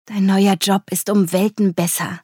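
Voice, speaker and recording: A woman doing a calm, comforting friend. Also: mid-range voice, measured pace, slightly rough, dry recording, clean studio sound, pitched above the performer's own voice. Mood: reassuring. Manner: soothing, encouraging.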